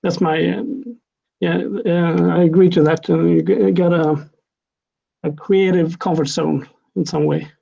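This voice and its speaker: A man talking as a student in an English class, halting, with a gravelly husky voice. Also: on the high side, steady tone, dark tone, highs cut off. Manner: halting, many restarts. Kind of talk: class introduction chat.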